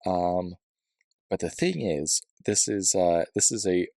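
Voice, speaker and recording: A man's voice: low voice, animated, slow pace, creaky, mellow, no echo, studio quality. A man hosting a let's play, chatting casually about his build with a rambling, self-deprecating manner and lots of fillers. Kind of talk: casual gameplay commentary.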